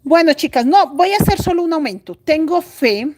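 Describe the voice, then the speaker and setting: A woman's voice: high voice, expressive, moderate pace, darkish tone. A middle-aged Colombian woman teaching crochet on a live stream, chatty and confiding, thinking aloud as she stitches. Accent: Colombian Spanish. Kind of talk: live-stream craft tutorial.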